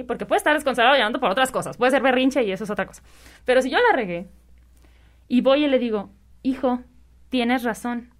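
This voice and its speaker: Woman, parenting speaker, rambling casual talk, slightly high voice. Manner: rambling, many tag questions. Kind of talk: casual conversation.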